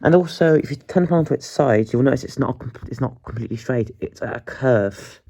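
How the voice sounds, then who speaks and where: A man's voice: medium pitch, fairly quick, creaky, mellow, husky. A man hosting a casual show-and-tell vlog, groggy from just waking up, chatty and often restarting his sentences. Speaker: hobbyist video host.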